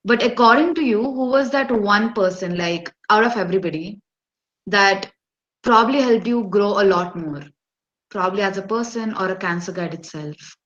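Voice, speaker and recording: A woman's voice: mid-range voice, normal speed, fairly bright tone, highs cut off. A woman with an Indian accent hosting an interview in a polite, formal way.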